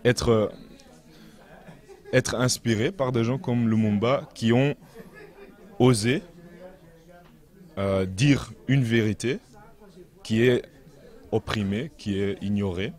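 A young man giving earnest interview answers, measured and pausing to find his words, into a handheld mic in a large indoor hall. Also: mid-range voice, darkish tone. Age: young adult. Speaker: interview guest, activist.

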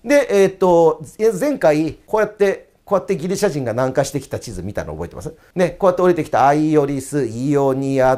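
A man's voice: high voice, a little mellow. A man teaching history in a casual, chatty video lecture, tossing in playful foreign greetings.

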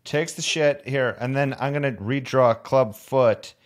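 A brash man in a loose podcast chat, cursing freely as he pitches ideas. His voice sits at an ordinary pitch for a man. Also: a little slow. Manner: brash, swears a lot. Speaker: cartoon creator and podcast co-host. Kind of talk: casual brainstorming chat.

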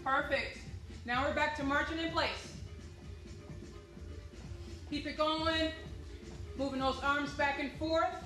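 Captured by a camera or phone a few steps off, a young fitness class instructor leads an aerobics workout in a medium-sized indoor activity room with a hard floor, giving short motivational cues and counts. She speaks slowly in a high, steady, slightly bright voice with long pauses. The sound is roomy and rough, with soft background music.

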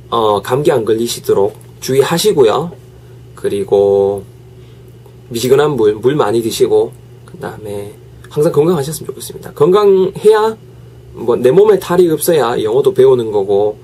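A man teaching English in a casual video lesson. He is lively, mixes in English phrases and drills them again and again. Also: medium pitch, normal speed, slightly rough.

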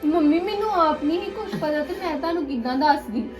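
A woman acting as a young adult daughter in a family drama, earnest and gentle, with a high voice. Soft music sits faintly underneath. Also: expressive, fast. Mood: consoling. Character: young daughter returning home after hardship.

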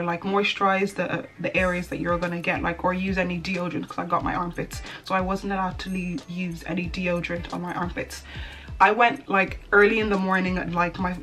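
A young woman who does beauty vlogs rambles casually to a camera set up in front at desk distance, in her small bedroom, catching and fixing her own words often. The voice is medium in pitch with some brightness.

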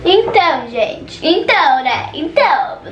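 A teenage girl with a high voice talks nervously and nonstop to her viewers. She sounds like she is in an echoey bedroom. Household noise is clearly audible behind her. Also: sing-song, takes it slowly, distant mic. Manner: nervous, chatty, says "gente" constantly. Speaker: vlogger. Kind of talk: casual vlog chat. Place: bedroom at home. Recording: echoey room with background noise.

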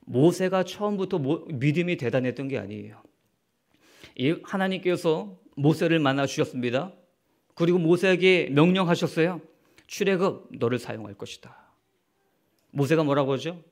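A man's voice: fairly high pitch, moderate pace. A male pastor preaching a sermon. He asks the congregation rhetorical questions and acts out the voices of people in the stories he tells. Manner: acts out quoted speech in the story.

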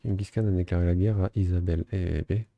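Deep gravelly man gaming. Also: fast, dry recording. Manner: relaxed, thinking aloud with many fillers. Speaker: gaming video host. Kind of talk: casual let's play commentary.

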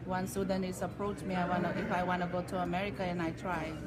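An older woman with a Filipino accent, speaking as an interview guest in an earnest, chatty way with halting restarts, in a restaurant. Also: fairly low pitch, little pitch movement, a loud crowd. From Philippines. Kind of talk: casual interview. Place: large restaurant dining room, indoors.

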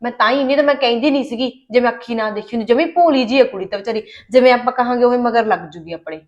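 An actress playing a persuasive young daughter-in-law, speaking with a Punjabi accent. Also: female voice, fairly high pitch, very fast, muffled recording, close to an everyday voice. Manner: eager, persuasive, drops to hushed tones. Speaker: young wife in a family drama. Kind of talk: Punjabi short film acting.

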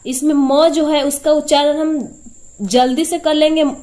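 Woman teacher going slow thru a spelling lesson, high voice, keeps repeating sounds and asking herself questions. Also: fairly even intonation, a little mellow. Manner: patient, repeats each sound, asks and answers her own questions.

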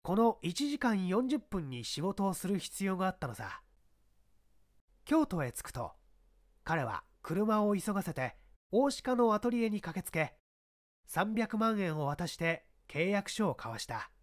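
A man voices a confident police inspector in a dramatised detective story, explaining his deductions emphatically and rhetorically. His voice sits high, with a sing-song quality and a slightly slow pace.

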